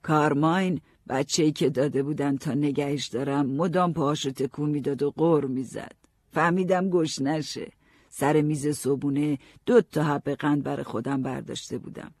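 A man narrating a story in the first person, calm storytelling. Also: a little high, dry recording, clean studio sound. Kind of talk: audiobook narration.

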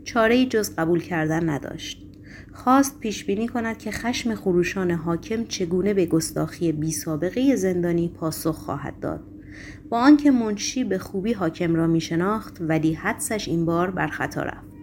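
Low-voiced woman reading a novel. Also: a little mellow, a little hiss or hum. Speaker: audiobook narrator. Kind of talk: scripted literary narration.

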